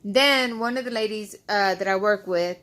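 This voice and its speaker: At a moderate pace and medium pitch, with a fairly bright tone, a vlogger tells her followers a casual story. She is near the mic and sounds frustrated, circling back repeatedly, with the speech of someone wearing loose dentures without adhesive.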